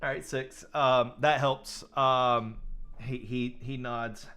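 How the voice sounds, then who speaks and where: A male game master narrates a tabletop game in a slow, halting way, full of fillers. His voice is bright and clear. Soft music plays in the background. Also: mid-range voice, fairly even intonation. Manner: hesitant, many fillers.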